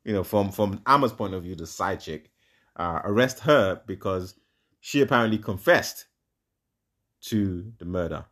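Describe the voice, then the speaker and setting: A man in a casual podcast chat, retelling a film plot. His voice is very low. He rambles and acts out the scenes as he goes. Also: animated, a little slow, fairly bright tone. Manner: rambling, dramatizing, laughs often.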